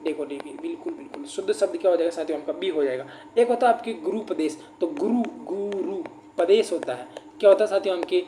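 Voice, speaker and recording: A male teacher with a high, dark voice leads an exam-prep grammar class, repeating himself and firing rhetorical questions at the class. He calls his listeners friends and brother, and the recording has roomy echo and faint background noise.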